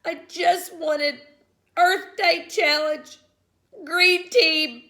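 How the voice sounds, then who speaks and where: Eager young boy, high and bright, read by a woman. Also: expressive, normal speed. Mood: upset. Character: young boy Freddie, upset and earnest.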